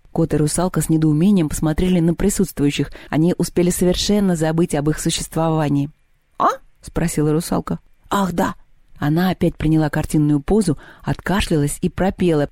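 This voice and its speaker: A reader narrating a children's tale in a steady, lively storytelling way. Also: mid-range voice, fairly quick, no room sound, clean studio sound. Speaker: audiobook reader.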